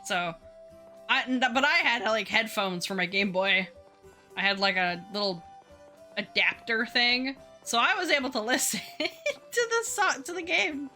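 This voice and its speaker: A young woman chatting casually while she streams a game, reading chat messages aloud and swearing without fuss. Her voice sits high and sounds hoarse and worn from talking. Soft music plays faintly behind her. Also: animated, a little slow.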